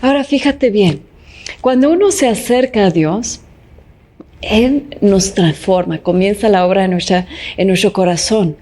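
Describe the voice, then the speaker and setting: A woman's voice: mid-range voice, unhurried, warm tone. A woman preaching a sermon in a conversational, direct way, often asking her listeners questions. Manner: uses rhetorical questions.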